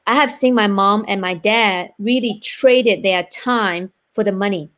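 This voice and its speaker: A woman's voice: mid-range voice, measured pace, a bit bright. Chinese-accented woman, earnest guest. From China. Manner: earnest, repeats "right?" often. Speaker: guest entrepreneur. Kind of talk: interview on a live online show.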